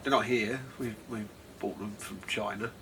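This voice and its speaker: A man's voice: lowish voice, fairly even intonation, moderate pace, pushed and bright. A man with a southern English accent hosting a casual chat outdoors, with wind on the microphone. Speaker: host. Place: outdoors on a windy day. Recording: windy outdoor mic, noisy, distant.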